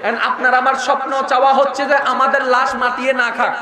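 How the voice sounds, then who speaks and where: A man's voice: very high-pitched, level tone, fast talker. A man preaching a sermon, chanting lines and calling on the crowd to answer. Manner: chanting, calls to crowd, shouts. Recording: echoey crowd-heavy sermon recording.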